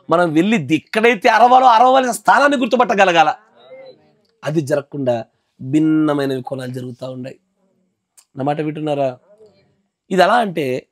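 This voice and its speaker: High, gravelly preacher man. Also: no room sound, clean studio sound. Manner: emphatic preaching, often asks listeners if they follow. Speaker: pastor. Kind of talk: sermon. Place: house gathering.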